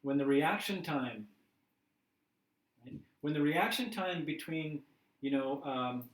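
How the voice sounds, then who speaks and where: A man's voice: a little high, slow, a little hiss or hum. A man teaching a class in a chatty, laughing way, acting out everyday scenes as examples. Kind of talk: casual teaching talk. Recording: roomy class recording from a distance.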